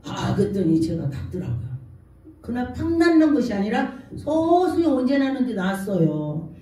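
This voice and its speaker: A woman's voice: on the high side, big pitch swings, moderate pace, mellow. A woman pastor preaching a sermon, telling stories and acting out the quoted speech. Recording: echoey hall from far off.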